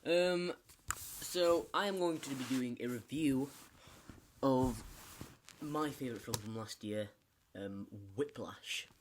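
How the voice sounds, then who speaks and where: A man's voice: mid-range voice, takes it slowly, pauses often, a little hiss or hum. A man casually reviewing a film, rambling with lots of fillers and restarts.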